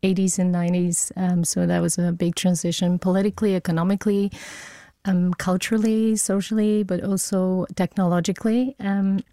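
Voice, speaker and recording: A woman, a radio guest speaking in a hesitant way with many pauses and restarts. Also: on the low side, little pitch movement, warm tone, no echo, clean studio sound. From Bulgaria. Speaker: guest, education technology consultant. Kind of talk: casual interview talk.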